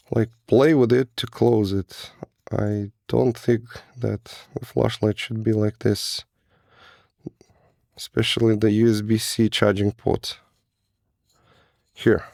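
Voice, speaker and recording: Slow, gravelly man reviewing gear. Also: lowish voice, warm tone, no room sound, studio quality. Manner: hesitant, halting, non-native phrasing. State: sick, rough voice. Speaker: flashlight reviewer. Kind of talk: casual product review.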